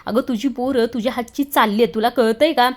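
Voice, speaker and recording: A woman's voice: a little high, steady tone, fairly quick, pitched above the performer's own voice, natural voice. A woman reading the lines of a scheming, taunting aunt in a serial recap, in a mocking manner.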